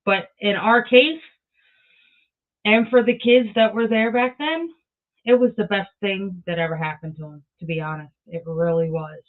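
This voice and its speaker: High-pitched man, casual host, phone-like sound. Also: moderate pace. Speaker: video host. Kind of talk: casual commentary. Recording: thin phone-like audio.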